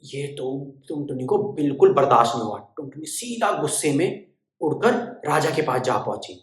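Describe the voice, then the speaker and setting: A woman narrating a children's story in a lively, animated way. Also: sits low, moderate pace. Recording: roomy echo.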